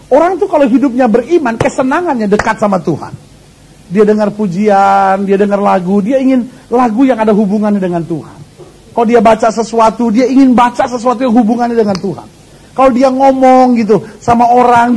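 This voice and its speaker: High-voiced preaching man, lively and joking. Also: a little fast, slightly rough, poor audio. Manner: lively, humorous, acts out quoted voices, asks congregation to repeat. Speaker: pastor. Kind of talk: sermon. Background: congregation laughing.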